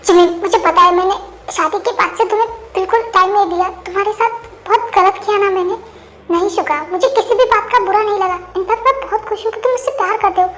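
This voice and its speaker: Very high-voiced woman narrating a fan story. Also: fast, a bit bright, soft background music. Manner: emotional, pleading delivery. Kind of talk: dubbed fan story reading, all roles.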